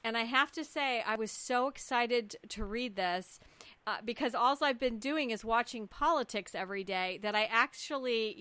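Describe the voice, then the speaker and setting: Upbeat lady host, bright clear voice, dry sound, gushy and chatty. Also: on the high side, dry recording. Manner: enthusiastic, chatty, laughs often. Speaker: show host. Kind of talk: chatty talk-show interview.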